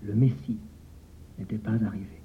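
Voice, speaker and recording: A man's voice: on the low side, very animated, slight background noise. Man telling a tale over narrowband sound. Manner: measured, dramatic telling. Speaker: narrator. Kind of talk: storytelling narration. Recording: phone-like narrowband, faint music.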